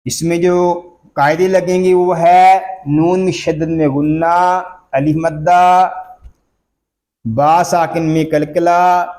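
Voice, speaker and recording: A man teaching Quran recitation, spelling each word letter by letter with slow drawn-out syllables, then explaining tajweed rules quickly. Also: fairly high pitch, little pitch movement, a little mellow.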